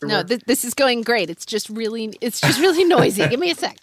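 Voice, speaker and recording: Female podcast co-host, conversational, expressive pitch movement, very dry recording. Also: a little fast, no room sound. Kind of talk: casual chat.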